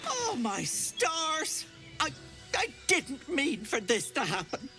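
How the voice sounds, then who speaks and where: A sugary old auntie who is secretly a hag, in a video game. The voice sits high and swoops theatrically, taking its time over folksy endearments and bossy scolding. Music plays softly underneath. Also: female voice, wildly swooping pitch, slow, exaggerated voice. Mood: sorrowful. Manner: folksy, cloying endearments, turning sternly bossy. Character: sweet, doting old hag posing as a kindly auntie. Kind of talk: video game character acting.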